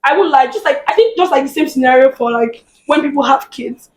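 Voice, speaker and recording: A woman with a Nigerian accent, a business owner chatting lively as an interview guest. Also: high-pitched, fairly quick, reverberant. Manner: lively, chatty, laughs often. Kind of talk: casual interview chat.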